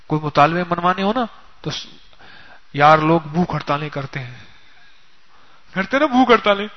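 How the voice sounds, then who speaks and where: A male preacher telling a story in a sermon, speaking straight to his listeners. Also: a little high. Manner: animated, addresses listeners directly. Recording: dull lo-fi recording.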